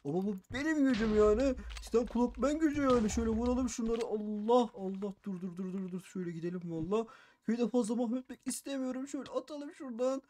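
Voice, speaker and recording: A man narrating a game role-play as a gaming YouTuber, excitable and boastful, with frequent exclamations. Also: very high voice, quick pace, a little hiss or hum. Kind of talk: Minecraft role-play commentary.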